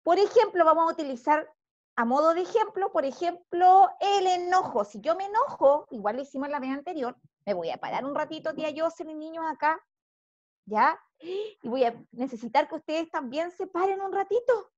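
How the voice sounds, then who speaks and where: A woman's voice: sits high, animated, moderate pace, darkish tone, dull audio. A woman with a Chilean Spanish accent teaching a preschool class, talking the children through breathing and stretching.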